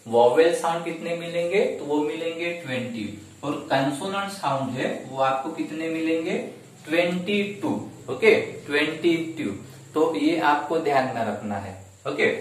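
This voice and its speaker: A male teacher giving an exam-prep grammar lesson, repeating each point and asking and answering his own questions, often saying "okay". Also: on the high side. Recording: very echoey room, mic far off.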